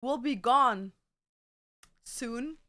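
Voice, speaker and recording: High-pitched, slow-talking sassy woman. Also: bright, forceful tone. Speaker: livestream host. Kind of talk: casual get-ready-with-me chat.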